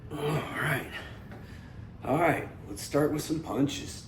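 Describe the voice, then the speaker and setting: A man's voice: a little high, slow pace. A young man leading a seated workout, talking in a casual, candid way and often saying "you know". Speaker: seated fitness instructor. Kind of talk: guided workout instruction. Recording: roomy with faint noise.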